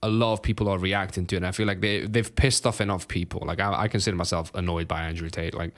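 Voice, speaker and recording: This young podcast co-host from Romania talks fast in a low-pitched voice, keeping the casual chat animated, full of swearing and frequent laughter.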